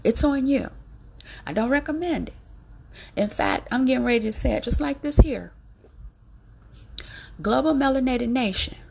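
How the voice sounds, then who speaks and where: A woman's voice: on the high side, gravelly, a little mellow, a little hiss or hum. A woman, a vlogger giving emphatic, preachy warnings to her viewers and repeating her points. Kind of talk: emphatic direct-to-camera warning.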